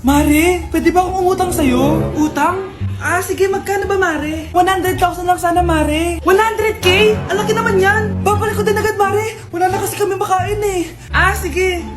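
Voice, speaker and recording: Very high-pitched, melodramatic cartoonish skit characters. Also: female voice, fairly even intonation, moderate pace. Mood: coaxing. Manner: melodramatic, exclaiming. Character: excitable high-voiced characters in family squabble skits. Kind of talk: exaggerated comedy skit dubbing. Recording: echoey, music behind the voice.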